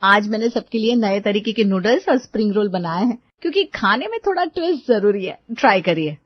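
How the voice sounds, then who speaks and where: A woman voicing a calm, modern young daughter-in-law who speaks politely but firmly in a cartoon story. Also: mid-range voice, brisk, lightly acted. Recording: dull lo-fi dry recording.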